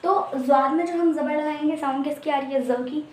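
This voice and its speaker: A high-voiced woman teaches a casual language lesson, patiently drilling letter sounds one at a time. She is recorded in an echoey room with a faint hiss of background noise. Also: fairly even intonation, brisk, darkish tone.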